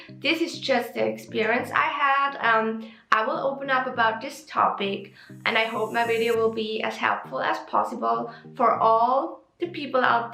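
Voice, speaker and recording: A young woman with a Swiss German accent talks openly in a casual vlog, often pausing on ums and correcting herself as she goes. Her voice is bright and sits a little high. The room sounds echoey, and faint music plays underneath. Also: vocal fry. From Switzerland. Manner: chatty and open, with frequent ums and self-corrections. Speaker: vlogger.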